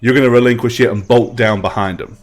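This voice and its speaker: A man narrating as game master of a tabletop game, unhurried and hesitant, often pausing with "um". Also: mid-range voice, steady tone. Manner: unhurried, hesitant with frequent ums.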